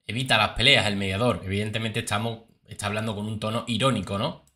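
A man's voice: on the low side, fairly even intonation, fast talker, sharp tone. A man giving chatty commentary on reality-show clips, with many fillers and repeats. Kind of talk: casual commentary.

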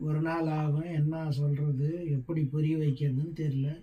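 A man's voice: on the high side, level tone, normal speed, muffled recording, natural voice. A man acting a husband who consoles his crying wife in a comic skit, repeating soothing words with stifled laughter in speech. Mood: consoling. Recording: echoey room with audible background noise.

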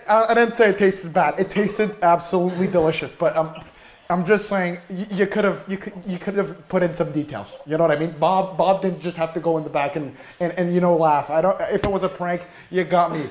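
Male, 20s, slightly high-pitched, stammering prank complainer on a phone call. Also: fairly quick, a little hiss or hum. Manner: hesitant, stammering, repetitive. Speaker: prank caller. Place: small indoor office room.

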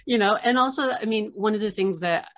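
A woman in her thirties, an archivist, hosts a casual video-call interview from a small room with framed pictures on the wall. Her mid-range, fairly bright voice runs a little fast, and her chatty talk is full of fillers and restarts.

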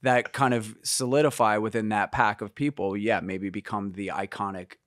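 A man in his fifties thinks aloud as a podcast guest, circling his ideas with fillers and restarts. His voice sits a little low. The recording is dry and close. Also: fairly even intonation, moderate pace, a bit bright, dry recording. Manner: reflective and meandering, many fillers and restarts. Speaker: guest musician. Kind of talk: casual interview conversation.

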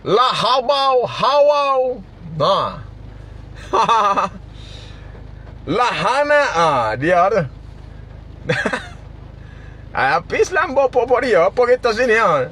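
High-voiced man live-streaming. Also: big pitch swings, slow, long pauses, pushed and bright, slight background noise. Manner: greets viewers by name, chuckles often. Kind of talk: casual live-stream chat reading viewer comments.

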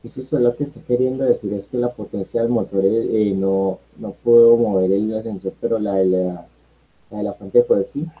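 A man's voice: fairly low pitch, fairly even intonation, a little fast, breathy edge. A male student answering hesitantly in an online class, stumbling over his words. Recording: dull muffled call audio.

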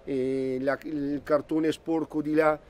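A man's voice: on the high side, flat delivery, slow pace, a little mellow. A man, a fisherman in a casual interview, listing problems one after another. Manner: lists problems in a row.

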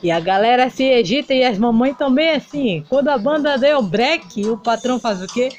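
A woman's voice: fairly high pitch, animated, normal speed, a little mellow, lo-fi sound, close to an everyday voice. A woman voicing a heartbroken male doll singer in a toy play video, melodramatic and sing-song. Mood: showy singing.

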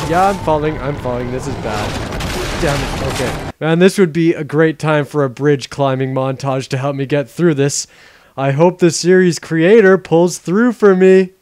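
A man's voice: fairly high pitch, darkish tone, close to an everyday voice. A man voicing a boastful, sarcastic, short-tempered adventurer in a parody game dub, with theatrical exasperation. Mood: exasperated.

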